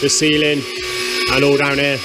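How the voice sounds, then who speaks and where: A man's voice: a little high, completely flat delivery, moderate pace, very noisy. A middle-aged man, chatting casually with dry sarcasm while filming a house renovation. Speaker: renovation vlogger. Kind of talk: casual vlog narration. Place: house under renovation, indoors.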